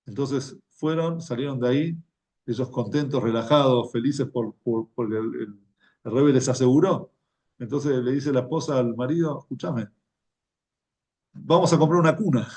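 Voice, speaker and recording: A man's voice: medium pitch, normal speed, dark tone. A man with an Argentine accent giving a conversational religious class, often repeating words as he tells stories. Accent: Argentine Spanish. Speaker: religious teacher. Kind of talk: Torah class talk.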